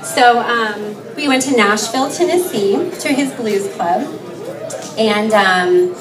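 Soft-spoken woman guest in an echoey bar. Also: fairly high pitch, takes it slowly. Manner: soft-spoken, with many "um" fillers and light laughs. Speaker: guest telling her son's story. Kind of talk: on-stage interview. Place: bar stage before a crowd. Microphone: handheld mic, far camera. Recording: echoey bar from far off, crowd noise. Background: crowd chatter.

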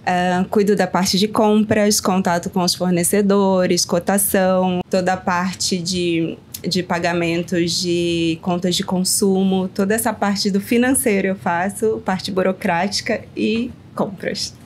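A woman's voice: lowish voice, fairly even intonation, a little slow, a little hiss or hum. A woman who handles a restaurant's finances, matter-of-factly listing her tasks in the office. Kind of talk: casual explanation to camera.

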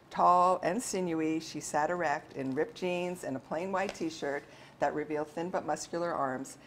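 A woman co-author reading her novel aloud at a bookstore event in a steady, measured narration. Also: deep voice, slight background noise.

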